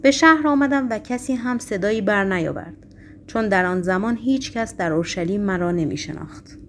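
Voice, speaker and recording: A woman reading the part of a calm, gentle male prisoner who answers earnestly and without fear. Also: mid-range voice, slight background noise, natural voice.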